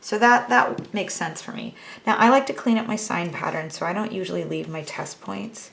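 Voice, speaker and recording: Gravelly-voiced woman teaching math. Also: on the low side, moderate pace, noisy background. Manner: chatty, self-teasing. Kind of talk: lesson with calculator.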